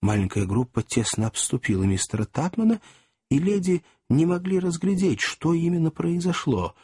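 A man's voice: fairly high pitch, big pitch swings, moderate pace, mellow, husky. A man reading a novel aloud as an audiobook, voicing every character expressively. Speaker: audiobook narrator. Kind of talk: scripted narration.

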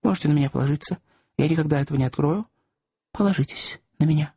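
Man playing a dignified older gentleman, formal, stiff, indignant, husky. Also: a little high, fast talker, voice pushed up.

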